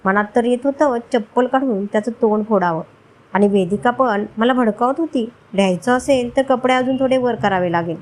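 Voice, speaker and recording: A woman's voice: on the high side, moderate pace, lightly acted, poor audio. A woman voicing a feisty, playful young wife who teases and makes jesting threats. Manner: teasing, threatening in jest.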